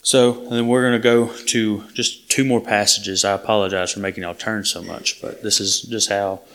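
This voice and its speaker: A man delivers a sermon to his congregation. His slightly low voice carries an earnest, plain-spoken manner. He often stops and restarts mid-sentence. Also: little pitch movement, moderate pace, a bit bright. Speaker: preacher.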